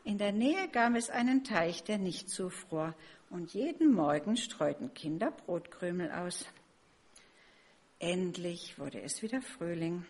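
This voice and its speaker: A woman's voice: on the low side, animated, a little slow, a little mellow, husky. A woman reading a children's story aloud at a family church service, friendly and chatty with the kids.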